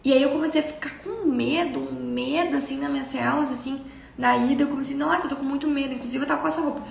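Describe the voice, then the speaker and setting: Brazilian woman, live-stream host, earnest and expressive, fry in the voice, faint noise in the background. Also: high-pitched, fast talker, echoey room. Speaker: spiritual self-development host. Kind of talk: casual live-stream talk.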